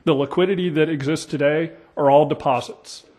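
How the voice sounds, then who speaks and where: A man giving spontaneous formal testimony as an expert witness, polite and careful, with halting restarts. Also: fairly high pitch, fairly even intonation, darkish tone.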